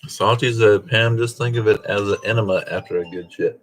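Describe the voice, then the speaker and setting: A man's voice: fairly low pitch, fairly quick. A man hosting a casual live stream, reading viewer comments aloud and chuckling in a laid-back way. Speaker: host of a car channel live stream.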